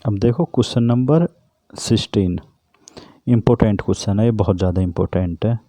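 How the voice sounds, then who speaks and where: A man's voice: on the low side, fairly quick, warm tone, dry recording. A man teaching an exam-prep physics lesson, who keeps asking questions and answering them himself. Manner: repetitive, asks and answers own questions.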